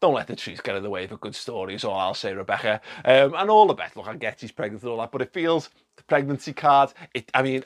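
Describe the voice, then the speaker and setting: A man gives loose, mocking commentary straight to his viewers. He swears freely and chuckles at his own jokes. He restarts his sentences often as he rambles on. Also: mid-range voice. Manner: sarcastic, swearing, laughing asides. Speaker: online video host. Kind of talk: casual spoken commentary.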